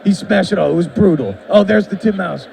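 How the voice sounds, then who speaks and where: High gravelly man commentating excitedly. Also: fairly quick. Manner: excitable, joking, mock wrestling-commentator. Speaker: game developer commentating a live demo. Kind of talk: playful play-by-play commentary. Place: busy expo show floor. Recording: noisy expo floor, mic far off.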